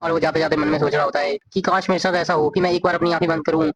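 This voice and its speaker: A man narrating a comic story in a casual, rapid, run-on retelling, reading the characters' lines aloud as he goes. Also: a little high, little pitch movement, dry recording, low-quality recording.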